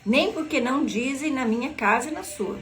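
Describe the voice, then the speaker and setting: A woman's voice: high voice, animated, moderate pace, a bit bright, faint music behind. Earnest woman leading a devotional. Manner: earnest, asks listeners questions directly. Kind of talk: devotional teaching reading from a book.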